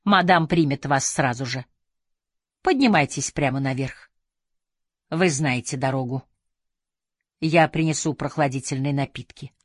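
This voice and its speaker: A woman's voice: a bass voice, unhurried, pauses often, no room sound, clean studio sound. A woman voicing a sly, sneering male servant who speaks with a snide hiss, read as an audiobook figure. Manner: hissing, snide greeting.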